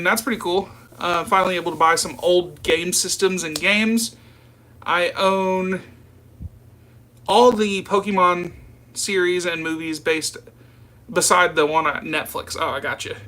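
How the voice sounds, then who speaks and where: This early-30s man from the American South chats loosely on a live stream, reading and replying to viewer comments and calling his audience "you guys." His voice is high with a sharp tone.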